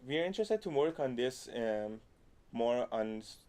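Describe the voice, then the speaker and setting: A man giving an academic conference presentation, halting, with frequent restarts. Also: medium pitch, expressive, darkish tone.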